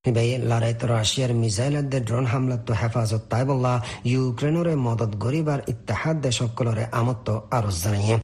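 A man's voice: medium pitch, brisk, few pauses, a little mellow, breathy edge. A man with a Rohingya accent reading scripted news as a presenter in an AM and shortwave radio announcer style.

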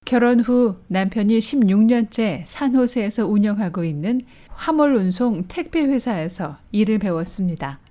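A woman documentary narrator reading a scripted human story in a measured, literary way. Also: medium pitch, lively intonation, dark tone.

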